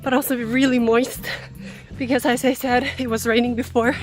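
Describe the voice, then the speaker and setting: A woman with an Austrian German accent, originally from Austria, guides a trail tour on the run, keeping up a casual walk-and-talk to camera through forest and park. Her pitch is fairly high, her tone level, and her pace normal, with faint music in the background.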